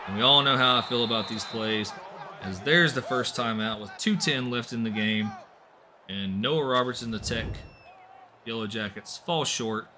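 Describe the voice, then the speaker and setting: A young man doing live play-by-play commentary on a simulated football game, getting excitable on big plays. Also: moderate pace, a little hiss or hum. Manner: excitable, voice jumps high and loud on big plays. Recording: music playing behind the voice.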